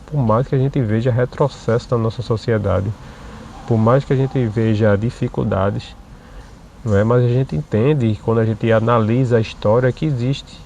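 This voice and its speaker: A man, hosting his own channel and explaining ideas in a measured monologue, often checking in with tag questions. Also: mid-range voice, creaky, dark tone, a little hiss or hum. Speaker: channel host.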